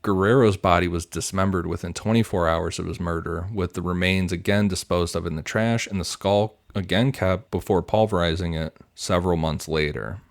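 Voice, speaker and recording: A man's voice: sits low, steady tone, moderate pace, few pauses, no room sound. A man co-hosting a podcast, reading prepared notes aloud steadily and matter-of-factly into a close microphone. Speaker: podcast co-host and researcher.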